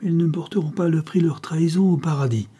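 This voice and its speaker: A man's voice: a little high, quick pace, mellow, husky, pitched above the performer's own voice. A man reading the part of a scheming older male gang chief who gives menacing commands.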